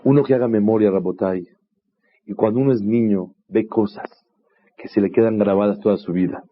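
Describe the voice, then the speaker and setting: A man, a rabbi, giving a sermon in an animated storytelling way, asking rhetorical questions and acting out the voices in his stories. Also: lowish voice, brisk. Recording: dull lo-fi recording.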